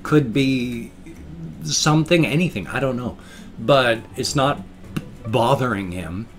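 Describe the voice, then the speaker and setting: This man takes his time, his voice mid-range, with soft music in the background. Indoors at home, he vlogs about his pet hamsters to a webcam, drifting from point to point and rephrasing as he goes, his loose dentures slightly slurring his speech.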